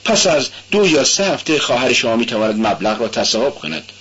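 A man reading aloud and voicing a smooth, sinister middle-aged landowner in a raised, bright voice. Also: mid-range voice, big pitch swings, muffled recording. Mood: insinuating.

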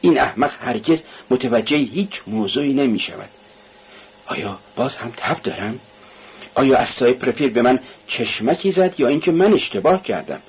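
A man's voice: medium pitch, expressive, slightly rough. A man voicing a feverish, suspicious young man under questioning, talking tensely and bitterly, brooding half to himself. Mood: anxious brooding. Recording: dull lo-fi radio recording.

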